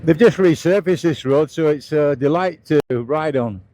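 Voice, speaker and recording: A man's voice: a little high, normal speed, mellow. A middle-aged British man giving casual, plain-spoken running commentary as he rides a scooter outdoors. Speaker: motovlogger narrating a ride. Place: outdoors, riding a scooter on roads.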